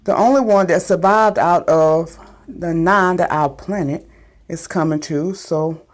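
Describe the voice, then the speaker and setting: A woman talks her way through a casual tour of her small greenhouse, her voice sitting a little low. She is chatty and meandering, often pausing on an um. The sound comes from a handheld phone in a close, cluttered space. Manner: chatty, meandering, with many ums. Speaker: gardening vlogger. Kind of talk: casual home video tour. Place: small makeshift greenhouse, indoors.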